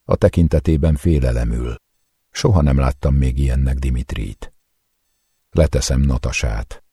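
Very deep, husky male audiobook narrator. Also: dark tone, no room sound, studio quality. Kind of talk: first-person audiobook narration.

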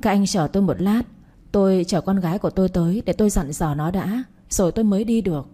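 A woman's voice: mid-range voice, fast talker, dark tone, close to an everyday voice. A woman reading the lines of an injured, stubborn mother in an audiobook, weak but insistent. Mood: weak pleading.

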